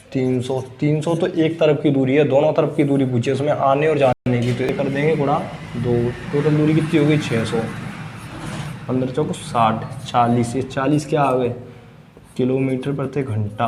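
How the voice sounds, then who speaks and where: A man's voice: medium pitch, darkish tone, a little hiss or hum. A man teaching a blackboard maths lesson, asking the class questions and then answering them himself. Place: classroom with a board.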